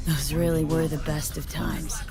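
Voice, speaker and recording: A woman's voice: sits low, little pitch movement, moderate pace, music in the background. A woman playing a wry, sardonic mercenary in a video game, her voice layered with a digital ghost's second voice. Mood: wry, nostalgic. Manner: dry, sardonic. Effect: two layered voices, digital ghost over woman's voice.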